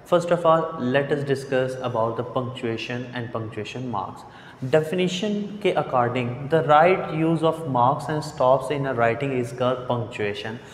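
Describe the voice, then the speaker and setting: A man teaching an online English grammar lesson, explaining in Urdu mixed with English. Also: a little high. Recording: echoey room with long reverb, faint hiss.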